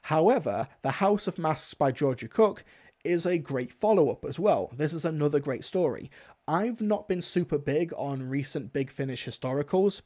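A man's voice: on the high side, warm tone. A young man hosting a livestream, giving casual review commentary into a close desk microphone at home. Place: small indoor room at home. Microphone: desk microphone close in front.

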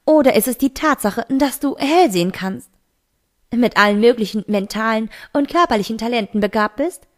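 A woman's voice: fairly high pitch, natural voice. A woman voicing a teenage boy who insistently questions a close friend, in an amateur audiobook reading.

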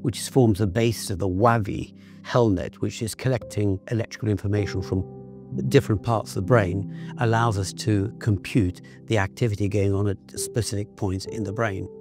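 A male physician explaining a brain test in an interview, measured and technical, with frequent restarts. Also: lowish voice, fairly even intonation. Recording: music playing underneath.

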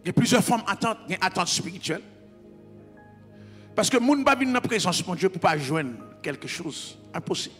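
A man with a Haitian accent preaching a sermon as pastor, mixing Creole into French and calling on the congregation to repeat after him until he is shouting. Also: sits high, expressive, brisk, in a large hall, faint music behind. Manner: mixes Creole into French, call-and-response, builds to shouting.

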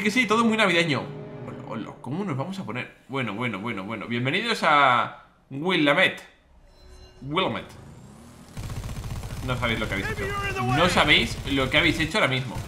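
A gaming YouTuber with a Spain Spanish accent does let's play commentary in a mid-range voice, with background noise behind him. He's excitable and exclamatory, often repeating his words.

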